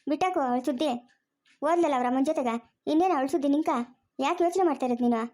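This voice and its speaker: A woman playing a sharp-tongued grandmother who scolds her daughter-in-law, speaking rural Chikkaballapur Kannada. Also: high-pitched, natural voice. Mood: chiding. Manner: scolding, rapid and raised. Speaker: grandmother character. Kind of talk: family drama acting.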